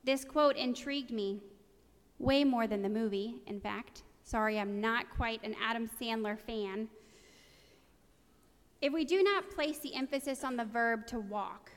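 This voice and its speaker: Woman, preacher, sermon, earnest, conversational, self-deprecating, slightly high voice, long hall reverb. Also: a little slow.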